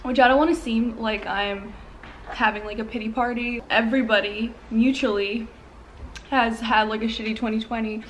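A woman's voice: on the high side, steady tone, moderate pace, slight background noise, low-quality recording. A young woman filming a casual eating vlog at home, talking candidly with lots of fillers between bites. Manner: chatty, filler-heavy, candid. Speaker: YouTuber. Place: at home, indoors.

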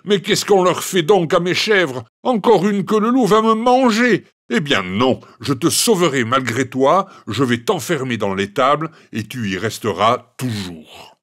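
A man's voice: on the high side, lively intonation, unhurried, few pauses, a bit bright, pitched above the performer's own voice. A man playing a kind, worried old farmer in a children's story, coaxing and exclaiming in alarm. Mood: pleading. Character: kindly worried old farmer, fond of his goats. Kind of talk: storybook character voice.

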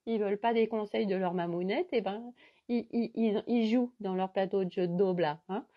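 Casting: middle-aged woman, holistic coach, loose chatty live storytelling, mid-pitched voice, muffled lo-fi audio. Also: moderate pace. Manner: rambling, chatty, animated retelling. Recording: dull lo-fi sound.

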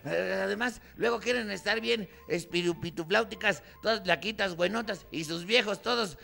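A man's voice: high-pitched, normal speed, vocal fry, bright, forceful tone. A man with a Mexican accent doing a stand-up comedy routine, acting out both sides of a couple's quarrel.

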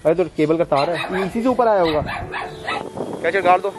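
A man vlogging casually, asking lots of excited, rapid questions. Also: high voice, noisy background. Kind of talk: casual vlog chat.

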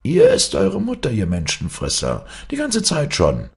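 A man's voice: on the low side, wildly swooping pitch, a little slow, creaky, a bit bright, breathy edge, pitched above the performer's own voice, exaggerated voice. A man reading a storybook, voicing a cunning, boastful trickster who mocks his foes. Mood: taunting. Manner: mocking, gleeful taunting.

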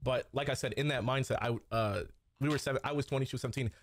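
A man's voice: mid-range voice, fast, a little hiss or hum. A man in an apology video, talking hesitantly with lots of fillers. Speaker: streamer apologizing in a clip.

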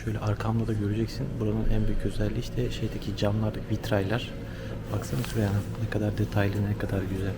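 Out on city streets, a travel vlogger chats casually with a companion, explaining things in a conversational way. His voice is fairly low with little pitch movement, and he talks at a quick pace over the noise of traffic.

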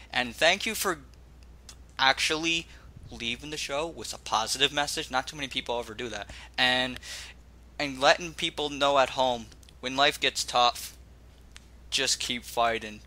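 A man's voice: mid-range voice, sharp tone. A male interview host, speaking with emphatic gratitude and stammering restarts. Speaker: podcast host. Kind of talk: interview talk.

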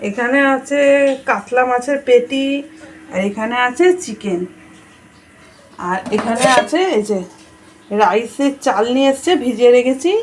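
A woman's voice: on the high side, background noise. A woman vlogging casually at home, chatting to her viewers as friends. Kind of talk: casual home vlog chat.

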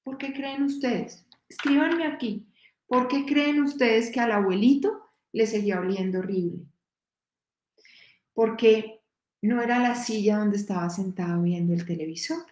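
Woman motivational speaker, animated live talk, fairly high voice, echoey room sound. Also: unhurried. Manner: animated, addresses the audience directly.

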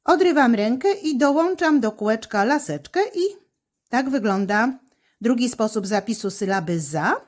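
A woman teacher explaining handwriting step by step, slowly and patiently, to children. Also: on the high side, lively intonation.

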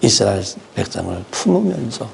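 A man preaching a sermon as pastor, telling stories in a conversational way with rhetorical questions and sudden hushed drops. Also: lowish voice, big pitch swings, brisk, vocal fry, slight background noise.

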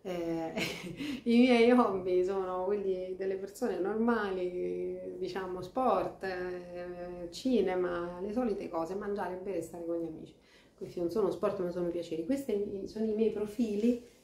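A woman's voice: on the low side, fairly even intonation, measured pace, warm tone, slight background noise. A woman in her thirties with a Sicilian accent, introducing herself informally to camera in a hesitant, flustered, apologetic way. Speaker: actress. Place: plain room in an apartment. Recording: echoey indoor room.

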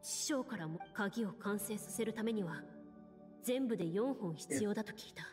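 A woman's voice: medium pitch, lively intonation, a little mellow, soft background music, close to an everyday voice. A woman playing a composed, commanding female duelist who narrates as game master in a game. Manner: composed, measured. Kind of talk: Japanese game voice acting.

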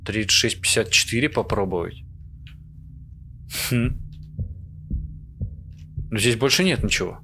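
Nervous low-voiced man playing a horror game. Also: sharp tone, a little hiss or hum. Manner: nervous, jittery, muttering to himself. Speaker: gamer, let's play host. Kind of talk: casual horror game commentary. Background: horror game ambience.

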